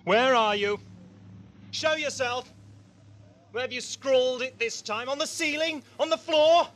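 A man's voice: very high-pitched, unhurried, a bit bright. A man with a British accent playing an impulsive, anguished time-travelling hero in a theatrical, exclamatory audio drama style. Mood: anguished, desperate. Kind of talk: amateur audio drama acting.

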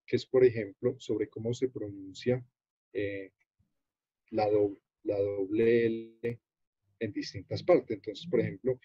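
A man with a Colombian accent leads an online workshop, explaining a web page as he shows it on screen. He talks in a halting, unhurried way, full of fillers and restarts. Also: lowish voice, steady tone, mellow, slightly rough, no room sound. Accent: Colombian Spanish. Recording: dull, dry video-call audio.

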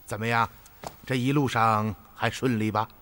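An actor playing a dignified official in a historical drama, with a measured rhythm and crisp, weighty articulation. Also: male voice, fairly low pitch, level tone, a bit bright, slight background noise, natural voice. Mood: delighted. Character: dignified middle-aged Tang official, warm uncle.

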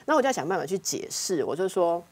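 A woman with a Taiwanese Mandarin accent talks quickly in a slightly low, husky voice. She is a counselor on a talk show, telling casual stories about her family. She acts out her relatives' lines as she goes. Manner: lively anecdotes, acting out family members' words.

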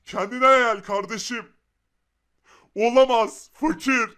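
A man plays a bossy but caring rich young guy in a blocky game cartoon. He speaks in a very high voice and keeps urging his friend by name. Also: fairly even intonation, slow pace. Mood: worried. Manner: urgent, repeats the friend's name. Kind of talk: Minecraft animation voice acting.

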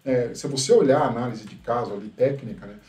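Man, critical casual commentary, mellow dark voice, roomy echo. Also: medium pitch, quick pace. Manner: critical, tags sentences with a questioning "right?". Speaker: host, tech commentator. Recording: roomy echo from a distant mic.

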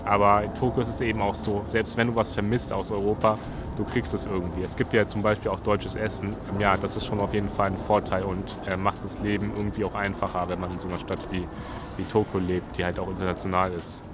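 A young man from Germany, low-voiced, chats in a relaxed way straight into a camera held at arm's length beside a city river. Music plays clearly under his voice. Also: fast talker. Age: young adult. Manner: relaxed, chatty, thinking aloud. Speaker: YouTuber. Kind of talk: casual vlog talk to camera. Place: outdoors by a city riverside railing. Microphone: selfie camera at arm's length.

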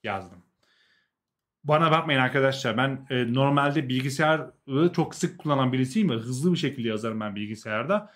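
A man's voice: mid-range voice, normal speed, a bit bright. A young adult man with a Turkish accent teaching a live language lesson, explaining, translating and repeating key words for learners.

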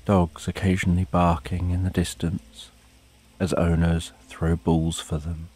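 A man narrating a bedtime sleep story in a calm, soothing, unhurried way with long pauses, as a sleep story narrator. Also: low voice, husky. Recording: soft rain behind the voice. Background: rain.

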